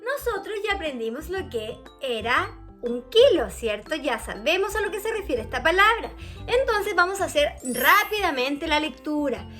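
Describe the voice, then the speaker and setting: A woman teaching young children to read, patient and drawn-out, often checking that they follow. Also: sits high, sing-song, bright, forceful tone, faint music behind. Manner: slow, patient, drawn-out words with checking questions. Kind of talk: children's reading lesson.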